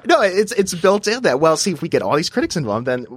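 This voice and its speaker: A man's voice: high-pitched, very animated, fast talker, slight background noise. A man as a podcast guest, chatting casually and agreeing emphatically with repeated words. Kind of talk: casual interview chat.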